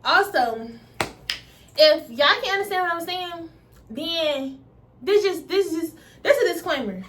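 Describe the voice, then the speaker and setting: Young woman, high voice, stuffy nose, fast slangy casual vlog chat. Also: a little hiss or hum. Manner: fast, slangy, animated talk. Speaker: vlogger.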